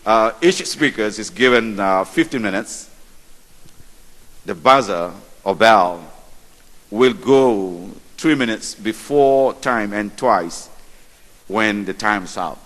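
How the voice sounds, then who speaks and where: A man moderating a formal conference panel, slow and unhurried, with a low-pitched voice. His words ring out through a big reverberant hall. He keeps a measured tone and adds the odd light aside. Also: expressive, fairly bright tone. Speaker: session moderator.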